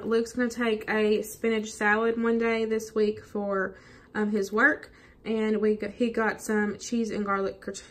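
A vlogger from the American South sits at her kitchen table indoors, chatting her way through a grocery haul. Her voice is slightly high and a little mellow, sprinkled with plenty of "um" and "y'all."

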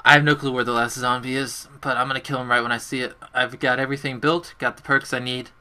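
A man's voice: mid-range voice, level tone, quick pace, pushed and bright. A young man casually commenting on his gameplay during a livestream from his bedroom, chatty and self-deprecating as he talks to his viewers. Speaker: gaming livestreamer. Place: bedroom at home.

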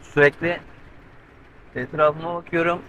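A middle-aged solo sailing vlogger talks casually to his handheld camera, which has a mic on a pole, from the covered cockpit of his boat at sea. He explains things step by step at a measured pace, tense as he watches the weather, his high, pushed, bright voice showing little pitch movement. The audio has cut-off highs and a little hiss or hum.

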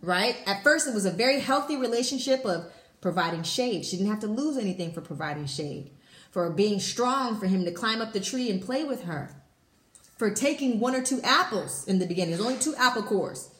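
A woman's voice: mid-range voice, lively intonation, fairly quick, fairly bright tone. A woman vlogger giving blunt, emphatic commentary on a book. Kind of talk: animated commentary. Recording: roomy echo.

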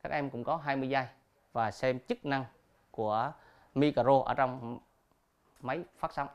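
A male teacher with a mid-range voice takes his students through a recorded quiz. He reads each question and its options aloud slowly and clearly, pauses, then explains the answer step by step. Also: medium pitch, fairly even intonation. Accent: Vietnamese. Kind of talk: recorded classroom quiz lesson.

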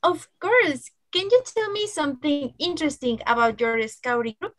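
A woman's voice: sits high, very animated, normal speed, a bit bright, dry recording. A young woman hosting an online youth show over a video call, upbeat and encouraging as she welcomes guests. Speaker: show host.

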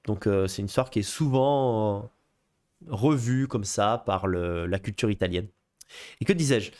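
A male film host talking off the cuff on a live stream, wandering from point to point with plenty of "euh" and false starts. He gets excitable and swears casually as he goes. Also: on the low side, measured pace. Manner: rambling, many fillers and restarts. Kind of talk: casual live chat about films.

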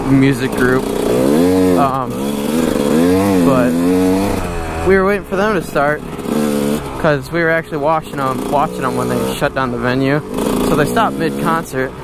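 A man's voice: mid-range voice, measured pace, gravelly, long pauses. Young man vlogging over engine roar. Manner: rambling, filler-heavy, relaxed. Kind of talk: casual storytelling. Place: outdoors on a dirt bike in woods and fields. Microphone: helmet or handlebar action camera. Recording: loud engine and wind noise. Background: motorcycle engine.

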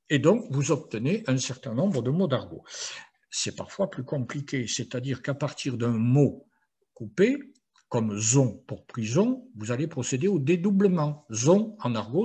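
A man's voice: mid-range voice, a little mellow, husky. An older man, a retired professor, giving a playful university lecture with frequent hesitations.

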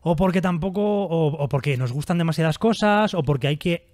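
A man's voice: on the high side, brisk, darkish tone, dry recording. A man hosting a casual podcast, jokey and easygoing. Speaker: podcast host.

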